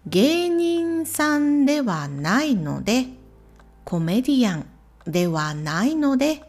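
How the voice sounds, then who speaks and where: A woman speaking slowly and clearly in simple phrases, recommending channels with gentle asides. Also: sits high, sing-song, faint music behind. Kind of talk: slow, clear talk for Japanese learners.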